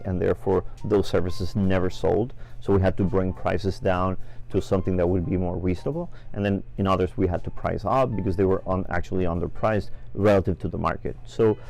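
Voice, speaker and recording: A middle-aged man from Venezuela, a franchise business owner answering interview questions in a measured way, with many fillers and restarts. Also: deep voice, steady tone, creaky, a little mellow, faint music behind.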